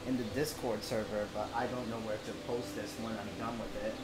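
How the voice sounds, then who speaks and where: A man's voice: on the low side, little pitch movement, brisk, very noisy. A man with a New York accent chatting casually and slangily on a livestream as he draws. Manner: slangy, uses "like" often. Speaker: streaming artist. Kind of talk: casual livestream chat while drawing. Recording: loud music behind the voice. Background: music.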